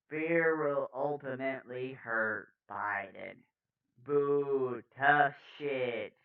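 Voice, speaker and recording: A man, a political commentator, reading the news aloud with blunt, profane, sarcastic asides. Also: mid-range voice. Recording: dull lo-fi sound, off-mic.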